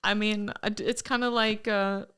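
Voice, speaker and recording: A woman's voice: mid-range voice, level tone, normal speed, fairly bright tone, smooth. A young woman guest on a podcast, chatting casually, telling stories in an easygoing, upbeat way and laughing along. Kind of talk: casual chat.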